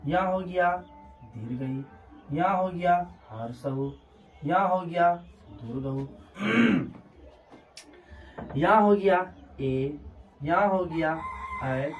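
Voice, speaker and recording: A man's voice: a little high, far from the mic. A man teaching a classroom lesson on Hindi vowels, repeating each sound and checking in with his students. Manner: repetitive, checks in with students, drawn-out words.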